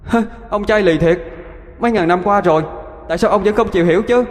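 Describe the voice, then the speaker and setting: A man's voice: high-pitched, fairly quick, in a large hall, voice pushed up, close to an everyday voice. A man voicing a sly shape-shifting water ghost who taunts and scolds. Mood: taunting.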